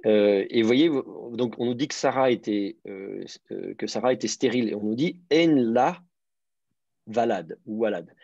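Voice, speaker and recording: A man teaches an online class, explaining step by step with patience but hesitating a lot, using many fillers, restarts, and repeated words. His medium-pitched, mellow voice has vocal fry and few pauses at a normal speed. The recording is dry, with no echo and a slightly dull lo-fi sound.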